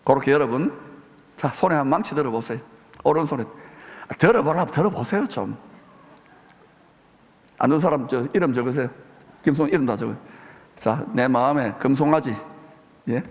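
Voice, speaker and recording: A man's voice: mid-range voice, moderate pace, pauses often, big-room sound. A man preaching a sermon as pastor, making emphatic declarations. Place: church sanctuary.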